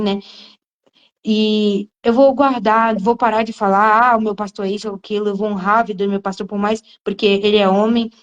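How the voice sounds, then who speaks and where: A woman's voice: medium pitch, muffled recording. A woman giving a casual spoken testimony, earnest and often repeating her words as she talks to her listeners.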